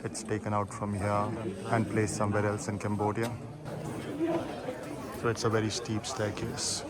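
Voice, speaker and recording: A man's voice: lowish voice, monotone, moderate pace, over a noisy crowd. A man giving casual travel vlog narration as he tours a site. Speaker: travel vlogger. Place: at a large temple site. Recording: clear background noise, outdoor ambience.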